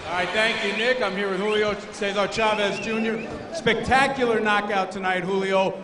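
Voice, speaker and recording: A man's voice: sits high, fairly even intonation, moderate pace. A man conducting a broadcast post-fight interview as ringside reporter. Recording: echoey arena with crowd.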